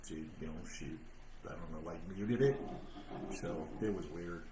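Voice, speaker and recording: A man's voice: deep voice, normal speed. A man co-hosting a casual chat, telling wry stories in a laid-back way. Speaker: podcast co-host. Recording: echoey room with clear background noise.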